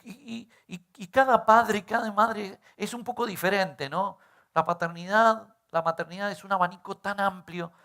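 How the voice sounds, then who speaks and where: A man's voice: sits high, creaky, pushed and bright. A middle-aged male pastor, preaching in a conversational way and often tagging on rhetorical questions. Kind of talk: sermon.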